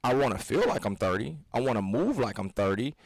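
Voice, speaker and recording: His medium-pitched voice swings widely in pitch as he talks fairly quickly on a casual podcast. He is a thirtysomething fitness coach and co-host, earnest and preachy, given to rambling and restarts, recorded dry.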